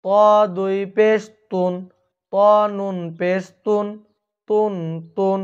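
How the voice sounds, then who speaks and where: A man teaching Quran recitation rules, chanting letter drills slowly and repeating each sound. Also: sits high, little pitch movement, mellow, smooth. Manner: slow, drawn-out chanting of letter drills, quicker when explaining. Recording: dull lo-fi sound.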